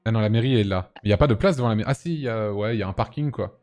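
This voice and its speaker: A man's voice: fairly low pitch, rapid-fire, darkish tone. A man hosting a live stream, chatting casually with lots of fillers and teasing his guests. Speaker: streamer host.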